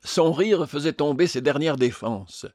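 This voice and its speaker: A man narrating a novel aloud in a measured, even storytelling manner, close to the mic. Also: on the high side, no room sound. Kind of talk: audiobook reading.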